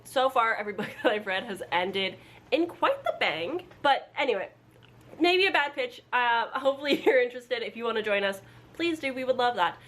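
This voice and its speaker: A book vlogger announces a readalong from her home, chatting to the camera in a loose, rambling way full of asides. Her voice sits fairly high with a fairly bright tone. Room noise and a household appliance can be heard behind her.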